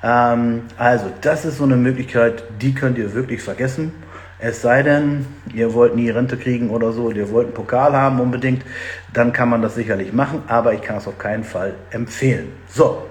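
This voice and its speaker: A man hosting a live stream about fat burning, explaining to viewers in a lively, direct way. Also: medium pitch. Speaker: fitness podcast host.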